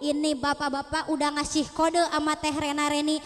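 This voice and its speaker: A woman's voice: high voice, monotone, moderate pace, soft background music. A woman preacher, playfully teasing the audience in a call-and-response sermon. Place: large hall at a religious event. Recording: echoey hall.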